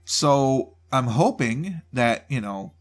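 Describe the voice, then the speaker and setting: This gaming channel host speaks slowly and expressively at a medium pitch, his voice blocked up from a cold as he drifts casually through a channel update. He wanders and interrupts himself, talking into his home desk mic, which captures only his voice, while faint music plays behind him.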